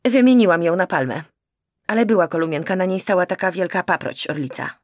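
A woman's voice: mid-range voice, expressive, normal speed, gravelly, dry recording, clean studio sound, voice pushed up. A woman doing an exasperated young woman. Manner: agitated, pleading, raised. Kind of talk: audiobook character voice.

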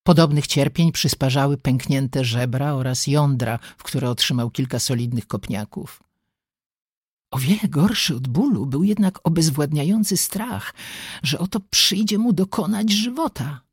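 An audiobook narrator reading a novel in a dramatic, expressive way, with pitch that swings widely across phrases. The recording is dry and close, with no trace of a room. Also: a little slow, slightly rough, dry recording. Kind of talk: scripted narration.

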